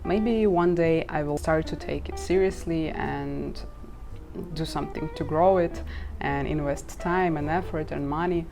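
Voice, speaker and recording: A woman in her twenties with a deep voice and vocal fry talks to camera, candid and casual, about earning money online, sometimes laughing at herself. A Ukrainian vlogger and native Russian speaker, she's recorded over background guitar music.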